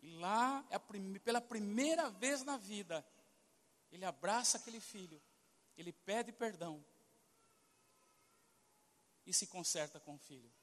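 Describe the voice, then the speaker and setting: A man's voice: sits high, unhurried, long pauses, a bit bright, long reverb tail. A man with a Brazilian accent, a pastor telling a testimony during a sermon and acting out the dialogue of the people in it. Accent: Brazilian Portuguese. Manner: storytelling, acts out quoted dialogue.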